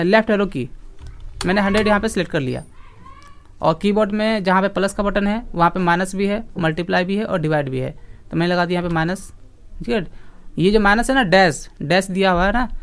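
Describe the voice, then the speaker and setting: A man teaching an online computer class, explaining each step patiently and repeating key points. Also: high-pitched. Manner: patient, explains step by step, scolds interrupting students sternly.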